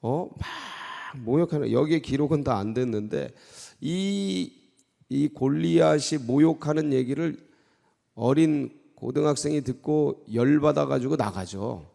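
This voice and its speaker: A male pastor giving a dawn sermon, retelling the story in an animated way with frequent prompting asides to the congregation. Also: mid-range voice, measured pace, gravelly. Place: church sanctuary. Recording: long church reverb.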